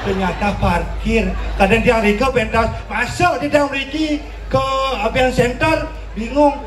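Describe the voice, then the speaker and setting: A Balinese-accented man works a live audience as a traditional stage comedian. His voice sits very high, and he teases and repeats phrases for effect. He is heard from a distance through an echoey space, with loud crowd laughter around him. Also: fairly even intonation, a little slow, music in the background. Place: large performance stage with audience.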